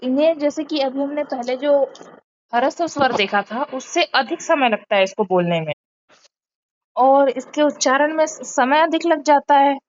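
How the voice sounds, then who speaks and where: Female tutor, higher-pitched, patient step-by-step explainer, dull lo-fi sound. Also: unhurried, slight background noise. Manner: explains step by step with many fillers and self-corrections. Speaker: teacher. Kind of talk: online grammar lesson. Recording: muffled lo-fi audio.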